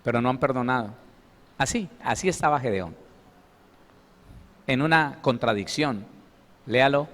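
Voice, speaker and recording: A man's voice: mid-range voice, lively intonation, a little slow, pauses often, a bit bright, in a large hall. A male pastor preaching a Bible study sermon, emphatic and full of rhetorical questions aimed at his listeners.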